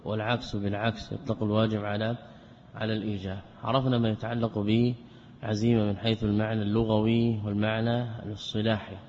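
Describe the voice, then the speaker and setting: A male scholar lectures with a low, steady voice that barely moves in pitch. He explains things step by step, asks himself questions and goes over his terms again slowly. The sound is dull and lo-fi, with a long reverb tail and faint hiss. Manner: measured explaining, with rhetorical questions, repeats phrases slowly. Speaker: Islamic scholar teaching a text. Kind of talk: classroom lecture on legal theory.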